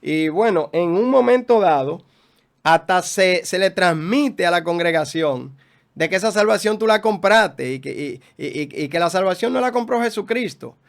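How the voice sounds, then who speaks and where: A man's voice: high voice, lively intonation, moderate pace, creaky. A man, a guest pastor teaching in a preaching style, emphatic, with rhetorical questions and repeated phrases.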